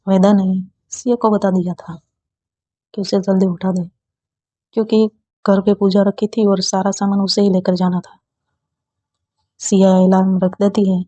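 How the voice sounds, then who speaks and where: A woman narrating a romance story in a calm, unhurried reading. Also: medium pitch, no room sound.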